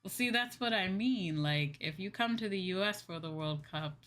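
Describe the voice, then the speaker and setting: This livestream host, a virtual streamer, talks to viewers in a mid-range, slightly bright voice at normal speed. She rambles casually, thinking aloud and looping back over her points, over background music.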